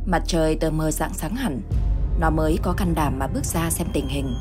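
A woman narrating a ghost story in a steady, dramatic reading. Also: on the low side. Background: faint background music.

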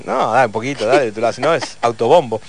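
A man with an Argentine accent hosting a casual radio chat, reading listener messages in a relaxed way with small laughs. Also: mid-range voice, very fast, creaky, a little hiss or hum. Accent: Argentine Spanish. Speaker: radio host.

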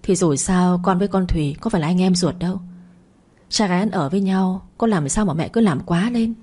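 A grown son, callous and irritable, brushing off his mother's anger in a narrated story, as a woman reads him. Low, mellow and husky, with a dismissive bite. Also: brisk. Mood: irritated. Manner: dismissive, snapping back.

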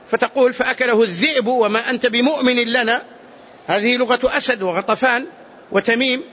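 High-voiced man teaching in a mosque. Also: sharp tone, dull audio, a little hiss or hum. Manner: explanatory, repeats key phrases, asks students if understood. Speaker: sheikh teaching hadith commentary. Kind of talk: mosque lecture on hadith.

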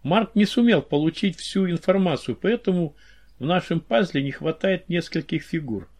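A man's voice: a little high, animated, moderate pace, a little mellow. A man reading as a pushy, restless investigator. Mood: pressing. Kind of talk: audiobook character reading.

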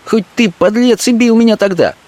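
A man voicing a defiant young street woman, pitched far above his own voice. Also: moderate pace, darkish tone, lightly acted. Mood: pleading, scornful.

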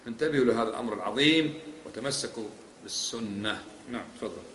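A man's voice: medium pitch, fast, fairly bright tone, slight background noise. A man teaching a lesson on creed, pressing his points with emphatic rhetorical questions. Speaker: religious teacher. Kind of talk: lecture on creed. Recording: echoey hall.

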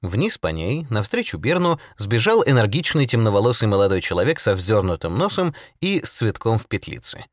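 Low-voiced man reading a story dramatically. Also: big pitch swings, brisk, few pauses, no echo, clean studio sound. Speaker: narrator. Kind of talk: audiobook narration.

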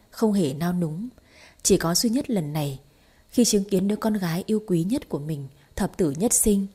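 A woman reading a romance story aloud in steady, scripted audiobook narration. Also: mid-range voice, husky.

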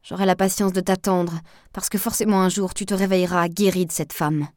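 A woman's voice: fairly low pitch, fairly even intonation, a little fast, a little mellow, dry recording, clean studio sound, lightly acted. A woman reading a jealous young woman, pleading. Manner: pleading, intense, reproachful.

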